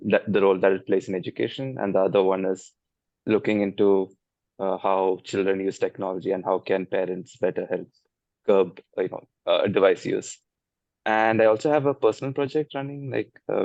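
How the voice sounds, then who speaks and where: A man, a graduate student, introducing himself casually on a panel in a relaxed, chatty way. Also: lowish voice, no echo. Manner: relaxed, chatty, with filler words. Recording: dull, dry remote audio.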